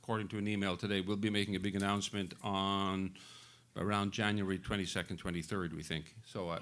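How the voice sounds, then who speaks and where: A man's voice: low voice, little pitch movement, quick pace, a bit bright. An older man, a festival director, telling a rambling, chuckling anecdote at a live event before an audience. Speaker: festival director, panel guest. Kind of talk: casual storytelling at a live event.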